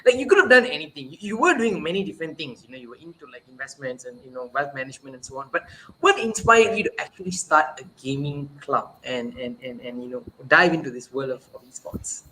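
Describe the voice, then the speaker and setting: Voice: mid-range voice, animated, quick pace, pushed and bright, slight background noise, rough recording. A host of a casual online interview show talking in a chatty, upbeat way and often adding "like" and "you know".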